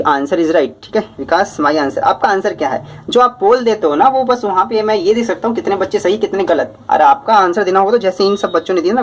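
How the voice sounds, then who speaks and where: Brisk, breathless teacher. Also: male voice, slight background noise. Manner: lively, talks fast, rises in pitch. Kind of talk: reading out viewer comments.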